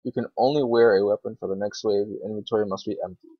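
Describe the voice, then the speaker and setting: A sixteen-year-old male gaming video creator rambles casually over gameplay, hesitant and informal, while screen recording indoors at a computer. His voice is fairly low and steady in tone, and he talks fast. The dry computer mic sounds dull and lo-fi, with no room sound.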